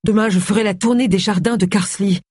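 Un lecteur de livre audio prête sa voix à une détective d'une cinquantaine d'années, nerveuse et prompte à s'emporter. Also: female voice, medium pitch, fairly even intonation, fairly quick, darkish tone, breathy edge, dry recording, studio quality, voice pushed up, lightly acted. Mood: tendue. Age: 50s. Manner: tense, emotional outbursts. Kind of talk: audiobook character voice.

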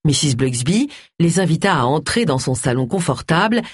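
Husky woman reading an audiobook. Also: deep voice, normal speed, dry recording, studio quality. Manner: expressive, lively reading. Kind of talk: audiobook narration.

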